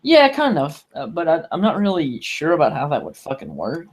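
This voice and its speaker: A man's voice: a little high, sing-song, brisk, crowd noise. A man in a casual online group chat, rambling along and swearing heavily as he goes. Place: online voice call livestream.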